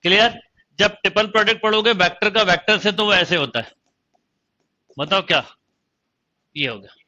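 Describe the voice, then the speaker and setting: A man's voice: high-pitched, normal speed, pushed and bright, dull audio. A man teaching a math lesson online, explaining step by step and quizzing his students as he goes. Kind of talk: online exam-prep lecture.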